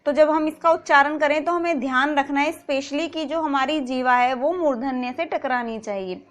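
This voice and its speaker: In an explanatory video lesson, a woman teaches grammar, patiently repeating example words and posing rhetorical questions. She has a high voice and speaks at a moderate pace.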